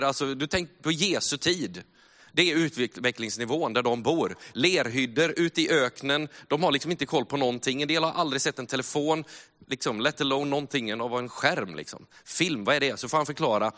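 Male missionary preacher, bright tone, storytelling sermon, long church-hall reverb. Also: a little high. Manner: storytelling with laughs and rising fervor.

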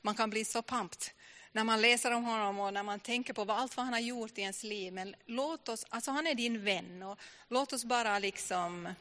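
A woman's voice: on the high side, sharp tone. A woman preaching a sermon in a church, telling a personal testimony with many restarts and fillers.

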